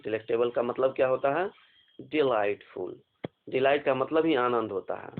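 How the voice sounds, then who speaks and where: A man teaching an exam vocabulary lesson, slowly spelling out words letter by letter and asking questions. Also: mid-range voice, slight background noise. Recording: phone-like narrow band.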